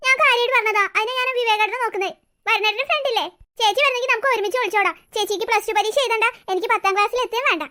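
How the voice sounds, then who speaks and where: A cheeky young schoolgirl in a cartoon chatters flippantly, as a voice actor plays her. Her voice is very high and quick. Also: sharp tone. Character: cheeky young schoolgirl who dreams of shortcuts.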